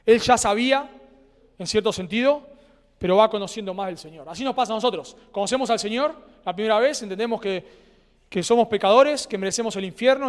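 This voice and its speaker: An Argentine man preaches a sermon with a noticeably high voice, earnest and animated, pausing for effect and letting phrases fade to a hush. His words carry a long echo from the church sanctuary around him. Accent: Argentine Spanish. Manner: earnest, animated preaching with dramatic pauses and trailing quiet endings. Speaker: pastor. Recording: church hall with long reverb.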